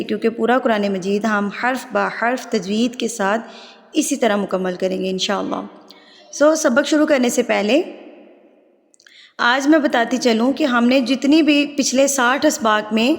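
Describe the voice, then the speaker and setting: A woman with a Pakistani Urdu accent teaching Quran recitation rules, explaining patiently step by step and drawing recited words out slowly. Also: on the high side, in a large hall. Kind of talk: tajweed lesson with slow chanted recitation.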